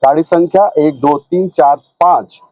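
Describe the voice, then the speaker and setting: A man's voice: fairly high pitch, normal speed. A male reporter calling out a train arrival in the style of a station intercom announcement. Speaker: field reporter. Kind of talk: mimicking a railway platform announcement. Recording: dry, phone-like lo-fi sound.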